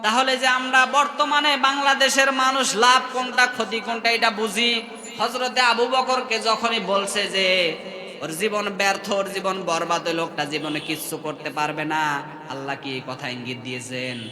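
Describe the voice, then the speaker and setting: A man preaching a Bengali waz sermon with a Bangladeshi accent, telling stories with sung, chanted rises and sudden hushed drops, and calling on the crowd to respond. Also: sits high, steady tone, normal speed. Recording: echoey open-air hall with long reverb.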